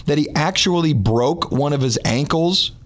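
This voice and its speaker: A man's voice: fairly high pitch, moderate pace. A man with a congested, sick-sounding voice hosting a casual music radio show, talking with dry, wry humour.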